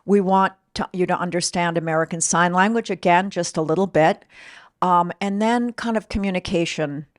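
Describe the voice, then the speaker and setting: A woman's voice: fairly low pitch, moderate pace, no room sound, studio quality. A woman co-presenting an informal talk, explaining things plainly and checking in with rhetorical questions. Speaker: co-presenter from a deaf services center.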